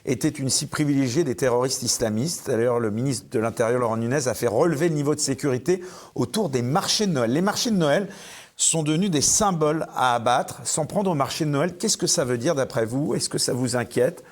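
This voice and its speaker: A man hosts a studio talk show, leading the debate with pointed, formal questions. His voice is mid-pitched. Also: brisk.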